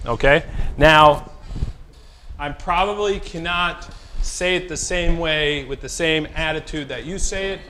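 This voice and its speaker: Man, quiz host, playful, teasing, raised pitch, light background noise. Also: a little slow, pushed and bright. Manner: jokey, teasing, exaggerated repetitions. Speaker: fundraiser broadcast host. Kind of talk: playful trivia quiz hosting.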